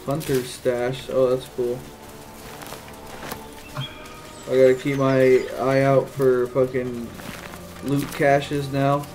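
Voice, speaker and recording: A man's voice: mid-range voice, flat delivery, takes it slowly, long pauses, darkish tone, faint music behind, low-quality recording. A man giving casual, offhand gameplay commentary with swearing, recorded in a room at home. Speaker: gamer playing on camera.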